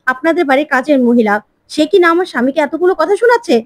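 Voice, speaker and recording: A woman's voice: high-pitched, animated, racing, dry recording. A woman voicing a haughty outraged mother.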